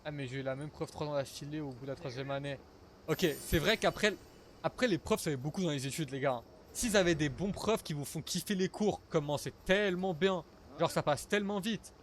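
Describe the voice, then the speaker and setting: Animated and fairly quick, the young man's voice sits fairly high, with slight noise in the background. As a gaming streamer playing a survival game, he chats casually with his audience and swears occasionally during the live commentary.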